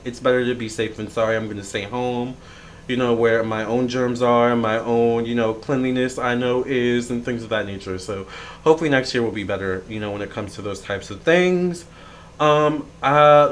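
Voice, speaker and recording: A man of thirty, a tarot reader, talking through a casual, reflective vlog monologue and rambling with plenty of fillers and restarts. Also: mid-range voice.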